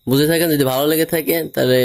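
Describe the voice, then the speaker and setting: Man teaching, slightly high voice. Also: steady tone, creaky. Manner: explains slowly, spelling words out letter by letter and splitting them into parts. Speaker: English grammar teacher. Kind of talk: informal classroom-style explanation.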